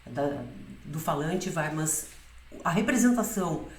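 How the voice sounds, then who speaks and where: A woman's voice: low-pitched, animated, unhurried, darkish tone, echoey room. A woman teaching a Spanish pronunciation lesson in Portuguese, explaining patiently and often checking in with her students.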